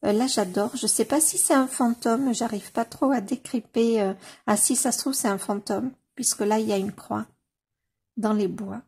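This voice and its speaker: A woman casually leafing through a coloring book on camera, gushing over the pages with many fillers and slowly sounding out titles. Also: a little high, fairly even intonation, a little mellow, breathy edge. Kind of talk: casual flip-through commentary.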